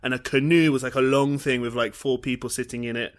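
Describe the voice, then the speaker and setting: A man's voice: medium pitch, fairly even intonation, fast talker. A young man with a southern English accent co-hosting a comedy podcast, playful and riffing on jokes. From southern England. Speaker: podcast co-host. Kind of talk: casual comedic chat.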